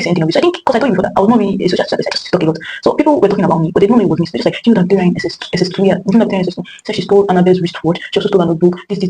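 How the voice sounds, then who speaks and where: A woman's voice: lowish voice, a little mellow, slight background noise, rough recording. A young woman with a Nigerian accent, rambling chattily through a casual storytime monologue with many fillers and restarts. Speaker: vlogger.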